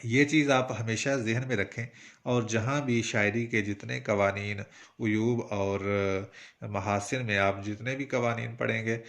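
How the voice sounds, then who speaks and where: Pakistani man teaching poetry meter, low voice. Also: fairly even intonation, vocal fry, fairly bright tone. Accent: Punjabi. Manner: patient, explanatory, with frequent filler pauses. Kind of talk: spoken lesson on Urdu verse meter.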